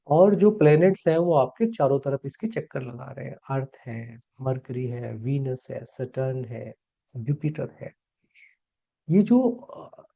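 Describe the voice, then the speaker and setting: A man's voice: on the high side, gravelly, mellow, dull audio. A middle-aged man giving a spiritual lecture in an online course, explaining ideas patiently and mixing English terms into his speech. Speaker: course teacher. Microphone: online class mic.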